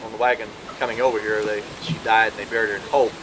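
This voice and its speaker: A man, talking informally to relatives at a family gathering in a rambling way with many pauses, heard on an old VHS home video. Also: lowish voice, little pitch movement, crowd noise, low-quality recording. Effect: old VHS home video sound. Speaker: family historian speaking at a birthday gathering.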